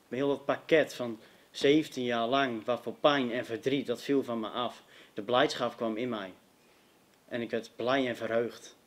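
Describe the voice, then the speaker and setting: Young man, earnest testimony, emphatic, talks straight to the audience. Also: mid-range voice. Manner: earnest, emphatic, direct address to listeners. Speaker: youth testimony speaker. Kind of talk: personal testimony to a youth meeting.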